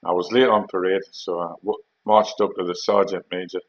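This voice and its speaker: Poor audio carries a low, level-toned male voice. He's an older army veteran from Northeast England with a Geordie accent, telling war anecdotes casually, slowly and hesitantly, wandering off track and leaning on fillers.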